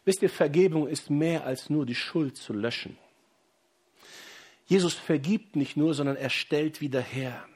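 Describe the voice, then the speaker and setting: Husky-voiced man preaching a sermon. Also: a little high, a little mellow. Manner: preaching with rising emphasis and pauses, addressing the congregation directly. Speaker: pastor.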